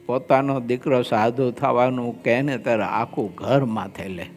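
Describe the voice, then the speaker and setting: A man's voice: medium pitch, fairly even intonation, faint music behind. A man with a Gujarati accent, a swami giving a devotional scripture discourse, telling anecdotes and voicing the people in them. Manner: slow, drawn-out delivery with quoted voices in anecdotes. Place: large assembly hall with long reverb.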